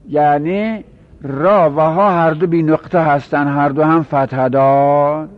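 A man teaching a grammar class, reading lines slowly, then explaining quickly and quizzing his students. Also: on the high side. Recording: dull lo-fi recording.

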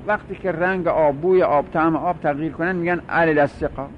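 A man's voice: fairly high pitch, steady tone, slight background noise. Man teaching a grammar class, lo-fi. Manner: explaining and repeating terms, asking students questions. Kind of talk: Arabic grammar lesson. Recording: dull lo-fi recording.

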